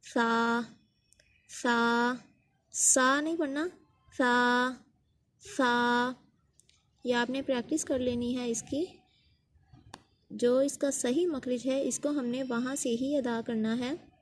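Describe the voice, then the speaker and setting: A woman's voice: high-pitched, steady tone, unhurried, dark tone. A woman teaching Quran letter pronunciation, speaking patiently step by step and repeating each sound as a model for learners.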